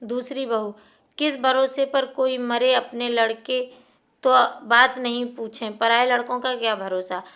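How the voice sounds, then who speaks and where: A woman reading a classic short story aloud in a steady, expressive narration. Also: on the high side, measured pace.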